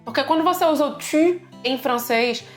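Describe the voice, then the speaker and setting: Brazilian woman co-hosting a lesson, higher voice, echoey room with faint music. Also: moderate pace. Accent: Brazilian Portuguese. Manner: lively, explains patiently with examples. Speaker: language teacher and co-host. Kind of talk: casual explanatory video lesson.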